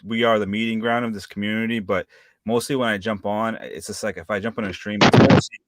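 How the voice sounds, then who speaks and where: A man's voice: fairly low pitch, fairly even intonation, fast talker, heavy background noise. A man in his thirties chatting casually as a co-host, rambling and hesitant with many fillers. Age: 30s. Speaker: live-stream co-host. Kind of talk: casual chat.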